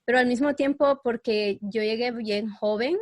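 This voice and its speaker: A woman's voice: a little high, moderate pace, no echo. A middle-aged woman from El Salvador, raised in New York, speaking as a guest in a casual podcast interview. She talks hesitantly, with many fillers, and sometimes searches for words. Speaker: guest expert.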